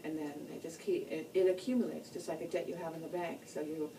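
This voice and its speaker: A woman's voice: sits low, steady tone, quick pace, mellow. A woman giving an informal, plain-spoken educational talk about health, explaining things in a loosely structured way. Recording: distant mic, noticeable background noise.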